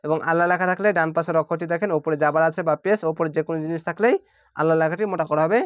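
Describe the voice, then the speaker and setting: Man, recitation teacher, brisk explanations, slow drawn-out recitation, smooth voice. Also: a little high, steady tone, dry recording. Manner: explains rules briskly, then recites words very slowly and drawn out. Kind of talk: spelling-out Quran reading lesson.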